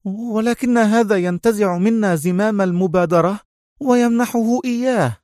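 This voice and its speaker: A man voicing a tense, sharp-tongued young woman agent who speaks in an agitated, indignant way. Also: very high-pitched, big pitch swings, moderate pace, dry recording, studio quality, voice pushed up.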